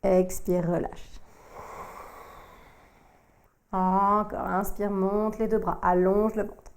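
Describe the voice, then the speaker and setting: A woman, working as a yoga teacher, calmly cueing breath and movement through a core workout. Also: mid-range voice. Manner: calm, slow cueing of breath and movement, addressing the listener informally.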